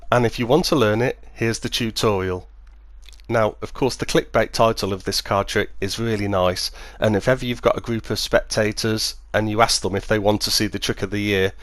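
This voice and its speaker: A man speaking as a magician, demonstrating and explaining a card trick step by step in clear, measured phrases. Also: lowish voice, fairly even intonation, a bit bright, no room sound, clean studio sound. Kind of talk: instructional demonstration, patter and explanation.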